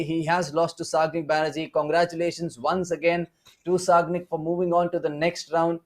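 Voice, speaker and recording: Excitable Indian esports commentator, higher voice. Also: male voice. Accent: Indian English. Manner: excitable play-by-play, rising on big chances.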